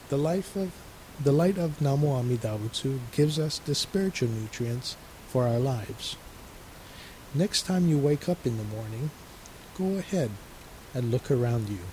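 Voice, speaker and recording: A male resident minister giving a calm, measured radio sermon and reading a letter. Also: medium pitch, slight background noise, poor audio.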